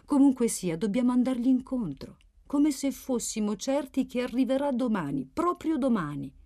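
A woman's voice: sits high, sing-song, a little slow, darkish tone, pitched above the performer's own voice, heavily acted. A woman voicing a stern older father who reassures firmly with a touch of impatience.

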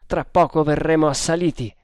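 A man reading an audiobook, voicing a resolute male snake hunter in a slower, lower tone. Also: steady tone, clean tone, dry recording, clean studio sound, natural voice. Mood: grim. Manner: slow, low, measured.

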